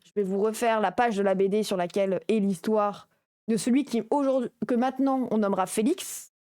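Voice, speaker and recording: A woman's voice: mid-range voice, fairly even intonation, fairly quick, mellow, no echo, studio quality. A young adult woman streamer giving casual, sarcastic react commentary, chatty and full of fillers.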